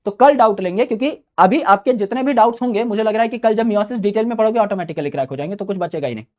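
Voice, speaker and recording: A man's voice: high voice, quick pace, darkish tone, muffled recording. A young man teaching a live online biology class, giving study advice in a chatty way and mixing in English phrases. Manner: chatty, mixes Hindi with English phrases, calls students brother.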